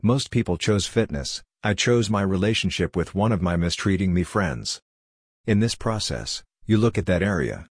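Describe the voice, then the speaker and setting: A man's voice: low voice, animated, moderate pace, husky, dry recording, studio quality. A man speaking as a life coach in a reflective self-help monologue, earnest and talking straight to the listener. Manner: earnest, direct, addresses the listener.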